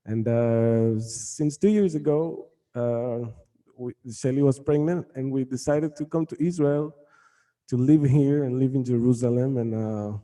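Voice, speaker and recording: A man from Mexico, a guitarist, answering interview questions casually in a halting way with many fillers. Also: medium pitch, dark tone. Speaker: guitarist and band member. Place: room in Jerusalem.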